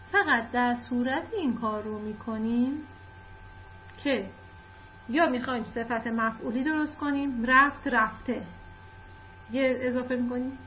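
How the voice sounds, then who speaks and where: A woman with a high voice gives a relaxed literature lesson, talking it through with plenty of examples and small asides. The audio is a bit muffled, with a faint hum underneath. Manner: conversational, explains with examples and asides. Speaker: literature teacher. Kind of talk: casual explanatory lesson.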